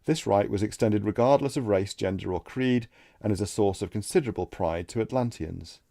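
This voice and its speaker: A man streaming a text adventure, reading the game text aloud and thinking out loud between passages. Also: fairly low pitch, fairly quick, creaky, dry recording, studio quality. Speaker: let's play streamer.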